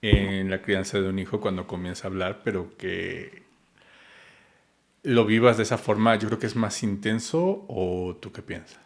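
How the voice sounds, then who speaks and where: Hesitant low-voiced podcast host. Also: male voice, normal speed. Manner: hesitant, many fillers and restarts, curious. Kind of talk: interview questions.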